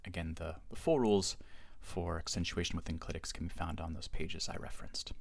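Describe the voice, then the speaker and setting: A man teaching a recorded grammar lesson in a measured, explanatory way, reading each example form slowly. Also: deep voice, vocal fry. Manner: measured, explanatory, reads Greek forms slowly. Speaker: Greek teacher.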